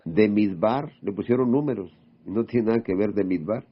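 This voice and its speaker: A man giving an informal sermon, firing off rhetorical questions and checking in with a quick "mm?". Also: lowish voice, husky. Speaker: preacher. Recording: dull lo-fi recording.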